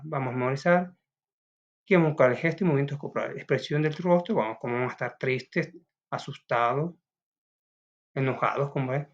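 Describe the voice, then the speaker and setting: A man's voice: medium pitch, highs cut off. A man teaching a recorded school lesson. He talks casually and often asks "va?".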